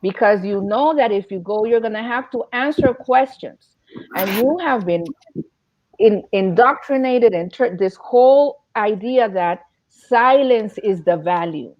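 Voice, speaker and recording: A woman's voice: a little high, lively intonation, measured pace, dull audio. A woman speaking as a panel guest, making her points emphatically and building them through repetition. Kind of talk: panel discussion.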